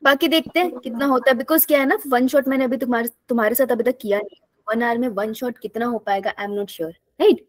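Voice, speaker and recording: A woman's voice: fairly high pitch, steady tone, brisk, hardly any pauses, no echo. A young woman teaching a live online biology class in a casual, chatty way, telling stories and often laughing.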